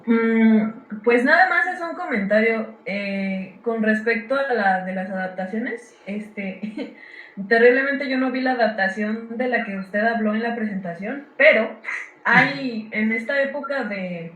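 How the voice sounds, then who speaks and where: Female student, polite and tentative, higher voice, roomy reverb. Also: measured pace, a bit bright. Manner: hesitant, polite. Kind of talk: audience comment. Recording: echoey room.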